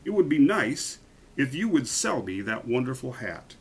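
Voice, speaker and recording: A man voicing a commanding, pompous king in a read-aloud storybook, stern and loud. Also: mid-range voice, very animated, normal speed, slightly rough. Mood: regal.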